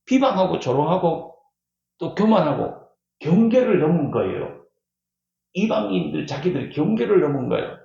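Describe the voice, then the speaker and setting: Animated male pastor in an echoey church. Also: fairly high pitch, moderate pace, vocal fry. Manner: emphatic, repeats key words, asks the congregation questions. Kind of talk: sermon. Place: church sanctuary. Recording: echoey church hall, dull lo-fi sound.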